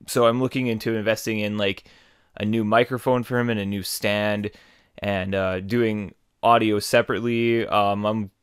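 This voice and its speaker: A man's voice: fairly low pitch, fairly bright tone, clear, resonant tone, dry recording, studio quality. A man talking casually to his viewers in a rambling, apologetic manner as a gaming host. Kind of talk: casual unscripted announcement to viewers. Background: music.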